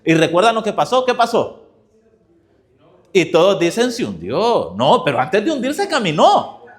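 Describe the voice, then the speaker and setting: A man preaching a sermon, telling a story with animated rhetorical questions to his congregation. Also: high voice, moderate pace.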